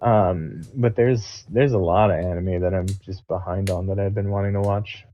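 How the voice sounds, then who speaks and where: A young man co-hosting a gaming podcast, speaking hesitantly and casually with many pauses and "um"s. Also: deep voice, fairly even intonation, highs cut off, a little hiss or hum. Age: young adult. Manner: hesitant, soft-spoken, many "um"s. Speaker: podcast co-host. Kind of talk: casual chat.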